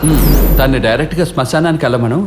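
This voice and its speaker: An actor dubbing a sarcastic, impatient priest in a film comedy, firing off quick retorts. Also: male voice, mid-range voice, music in the background, close to an everyday voice. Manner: fast wisecracking retorts. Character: sarcastic middle-aged male priest, impatient. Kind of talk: dubbed film comedy dialogue. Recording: film dub with background score.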